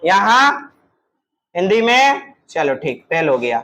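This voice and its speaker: A middle-aged male teacher runs an online exam-prep class in a strikingly high voice. He speaks slowly and deliberately. He repeats each term and calls out prompts for the students to answer. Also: big pitch swings, sharp tone, poor audio. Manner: drills students, repeating terms and calling out prompts.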